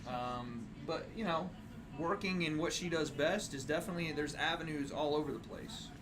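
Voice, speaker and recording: A man's voice: fairly high pitch, normal speed, low-quality recording. A man hosting a livestream with casual, slangy, opinionated banter, often repeating his phrases. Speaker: livestream host.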